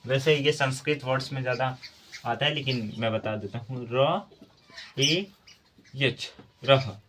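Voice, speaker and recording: A man's voice: medium pitch, a little slow, fairly bright tone, slight background noise. Man spelling out letters, patient teacher. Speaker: English teacher. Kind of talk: step-by-step spelling lesson.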